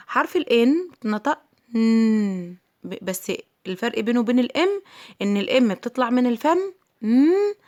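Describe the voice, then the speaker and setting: A middle-aged woman with an Egyptian Arabic accent teaching English letter sounds to children, patiently repeating each sound and checking in with her pupils. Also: a little high. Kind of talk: phonics lesson for children.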